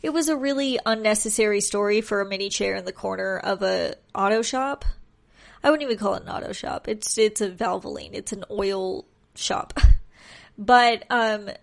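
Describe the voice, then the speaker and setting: A woman's voice: medium pitch, moderate pace, vocal fry. A woman hosting a casual solo podcast, chatty and joking, sounding congested and nasal as if pinching her nose. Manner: chatty, joking, self-deprecating. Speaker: podcast host.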